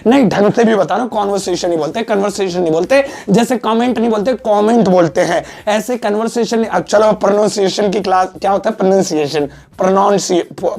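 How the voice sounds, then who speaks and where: A man leads an English lesson with a gravelly edge to his voice. He jokes and teases between explanations and says every example twice, once in Hindi and once in English. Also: high voice, a little mellow. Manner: joking, teasing asides between explanations. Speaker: English teacher. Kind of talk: classroom-style spoken lesson.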